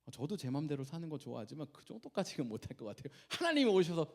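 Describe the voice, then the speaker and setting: A male pastor preaching a sermon, animated and asking the congregation questions. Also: fairly high pitch, very fast, vocal fry.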